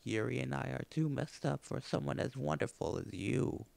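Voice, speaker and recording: A man doing a creaky robotic creepy girl. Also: medium pitch, normal speed, a little mellow, voice pushed down. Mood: cold menacing. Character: glitched creepy girl, cold and obsessive.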